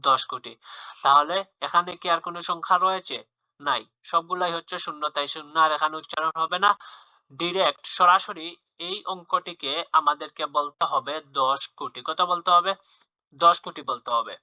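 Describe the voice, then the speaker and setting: At a moderate pace, a slightly high-voiced man patiently explains maths to young children, repeating things and stumbling into fillers and restarts. It's a dull lo-fi home recording with no echo.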